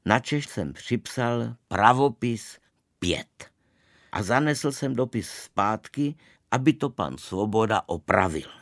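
Male narrator, deadpan comic reading, lowish voice, dry close recording. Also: no room sound. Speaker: storyteller.

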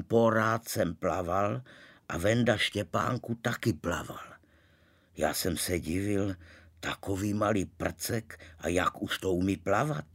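A man narrating an old-fashioned children's story in an expressive storytelling manner, told as a child. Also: on the low side.

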